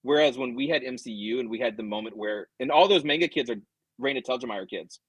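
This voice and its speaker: A man's voice: medium pitch, quick pace, breathy edge, no room sound, low-quality recording. A middle-aged man, a comics writer guest, chatting casually and animatedly, drifting into tangents and acting out quoted customers. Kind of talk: casual chat.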